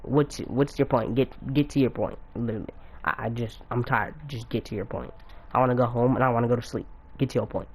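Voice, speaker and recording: A man's voice: medium pitch, fairly even intonation, fairly quick, darkish tone, lightly acted. A young man doing a cocky, impatient boy ninja. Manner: impatient, offhand. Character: cocky overpowered boy ninja, easily bored.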